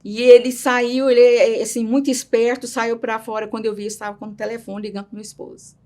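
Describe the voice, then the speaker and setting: A woman's voice: on the high side, level tone, fairly quick, dark tone. A middle-aged woman with a Brazilian Portuguese accent, telling a personal story as an interviewee with much feeling and often tagging her sentences with a questioning "right?". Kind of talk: personal testimony.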